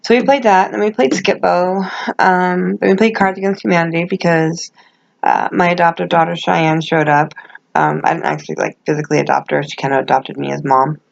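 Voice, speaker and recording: Toothless middle-aged woman vlogger, gravelly voice. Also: lowish voice, steady tone, brisk, lo-fi sound. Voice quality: toothless, gummy articulation without dentures. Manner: rambling, self-deprecating, candid. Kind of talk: casual chat to camera.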